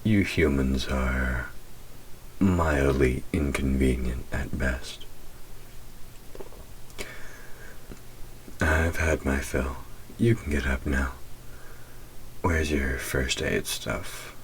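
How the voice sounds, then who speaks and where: A man with a bass voice plays a centuries-old demon in an intimate audio roleplay, fully in character. Proud and gruff yet tender, aloof and dry in mood, he murmurs slowly and deliberately, often close to a whisper, with slight background noise.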